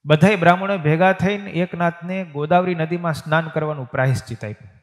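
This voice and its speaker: A man's voice: a little high, fast. A man, a swami, preaching a devotional story sermon and acting out the voices of the people in his tales. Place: temple hall. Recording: long reverb of a temple hall.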